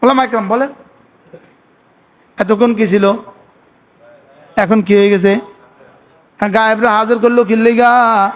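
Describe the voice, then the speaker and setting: A man preaching a sermon, firing repeated questions at his listeners and reciting Arabic prayers slowly. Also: sits high, fairly even intonation. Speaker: Islamic preacher.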